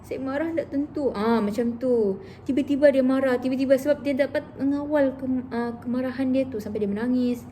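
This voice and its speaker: A woman's voice: high voice, a little fast, warm tone, slight background noise. A woman therapist in a casual educational vlog, chatting and explaining with acted-out examples. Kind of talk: informal educational vlog talk.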